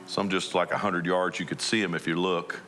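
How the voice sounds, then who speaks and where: Bright-voiced pastor preaching. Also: male voice, low voice, flat delivery, fairly quick, slight background noise. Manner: conversational, asks the audience many questions. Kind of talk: sermon.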